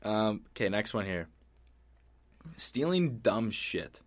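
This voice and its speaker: A man's voice: fairly low pitch, sing-song, slow. A young man co-hosting a podcast in casual chat, laid-back and profane, often dropping his voice. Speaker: podcast co-host.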